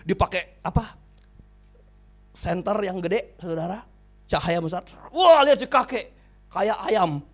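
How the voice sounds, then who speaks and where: A male pastor telling a sermon story in an animated, dramatic way, often dropping his voice. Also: high-pitched, measured pace, long pauses. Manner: animated, dramatic storytelling with sudden drops in volume.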